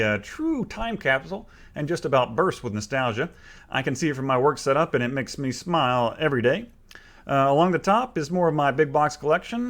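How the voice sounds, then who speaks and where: A man narrating a casual guided video tour as the guide of his own room. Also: fairly high pitch.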